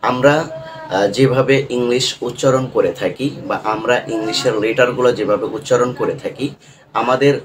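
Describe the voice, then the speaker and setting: Over a noisy background, a Bangladeshi-accented man with a mid-range voice gives an online lesson. His pace is slow and patient, full of fillers, and he keeps checking understanding with tag questions.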